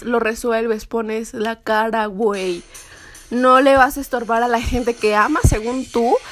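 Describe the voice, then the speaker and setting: A woman's voice: on the high side, fairly bright tone. A young woman with a Mexican Spanish accent, ranting heatedly and sarcastically in a vlog, swearing often. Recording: music playing behind the voice.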